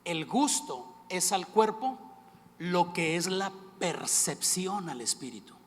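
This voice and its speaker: A man's voice: sits high, expressive, takes it slowly. A man preaching a sermon as pastor, engaging the congregation with frequent questions. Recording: long hall reverb.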